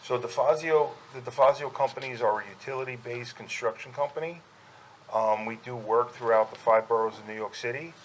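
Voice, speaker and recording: A man's voice: medium pitch, brisk, slight background noise, low-quality recording. A man giving formal testimony as a business owner, in plain, factual answers. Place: public board meeting room.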